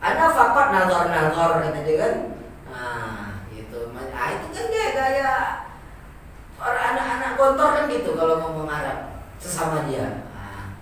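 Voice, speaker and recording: A man's voice: on the high side, huge pitch swings, unhurried, a bit bright, a little hiss or hum. Guy teaching a class, jokes around a lot, super echoey room, sounds far from the mic. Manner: jokey, often laughs, mimics students' broken Arabic. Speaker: Arabic language teacher. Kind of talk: informal classroom lecture.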